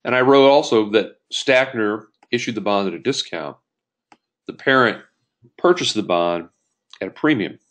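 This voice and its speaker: This accounting instructor has a fairly low, slightly bright voice with lively intonation and a normal pace. In his explanatory lecture he goes step by step through an example, rewording key points and questioning himself as he goes.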